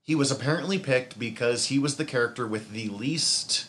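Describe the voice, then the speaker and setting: A man's voice: medium pitch, moderate pace, fairly bright tone. A man co-hosting a podcast in casual chat, rambling and swearing freely. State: hiccups from eating. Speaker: podcast co-host.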